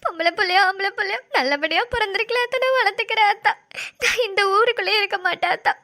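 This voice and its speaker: A woman's voice: extremely high pitch, fast talker, sharp tone, full character voice. Woman voicing a tearful pleading young mother. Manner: tearful, begging, calling out to her elder. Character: young village mother pleading for her newborn daughter. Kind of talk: cartoon voice acting.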